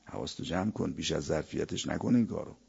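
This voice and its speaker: A man's voice: very deep voice, vocal fry, a little mellow, breathy edge, highs cut off. A man preaching a sermon, quoting verses in Arabic and telling anecdotes. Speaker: cleric.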